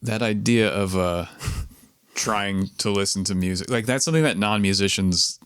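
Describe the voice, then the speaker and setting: A man's voice: on the low side, normal speed, a bit bright, clean tone, dry recording. A young man co-hosting a podcast, chatting casually in a laid-back, jokey way. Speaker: podcast co-host. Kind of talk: casual chat.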